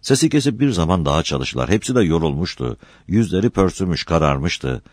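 A man narrating a novel in steady audiobook narration. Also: low voice, brisk, no room sound, studio quality. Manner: steady storytelling.

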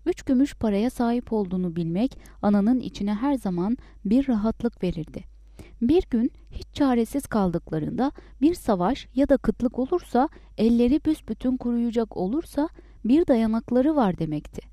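A woman narrating a story as an audiobook in a calm, measured way. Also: fairly high pitch, no echo, studio quality.

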